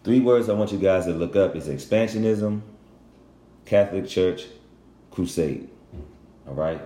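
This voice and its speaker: Brief: man, very low mellow voice, a bit under the weather with a cold, casual talk to followers, roomy echo. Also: unhurried. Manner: conversational, often restarts and corrects himself, asks "you understand?". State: has a cold, speaking low. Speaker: social commentator addressing followers. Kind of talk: casual spoken monologue.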